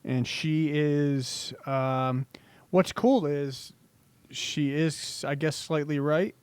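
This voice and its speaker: A man co-hosts a casual livestream, easygoing and agreeable. His voice is a touch high, and the sound is dry and close. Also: fairly even intonation, extremely slow, smooth, no room sound. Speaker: co-host.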